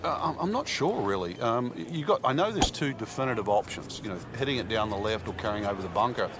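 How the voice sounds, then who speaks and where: A man working as a golf commentator, giving conversational, explanatory analysis in a measured way. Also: fairly low pitch, animated, lightly acted. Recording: outdoor crowd and ambient noise behind. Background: loud crowd, outdoor ambience.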